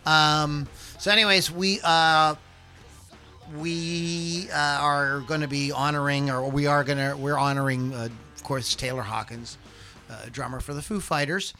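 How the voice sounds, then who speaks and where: A man's voice: on the high side, fairly even intonation, a little slow, bright, forceful tone. A man hosting a podcast in an informal, rambling, chatty way with music playing behind him. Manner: informal, rambling, self-deprecating. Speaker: podcast host. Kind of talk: casual podcast chat. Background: background music.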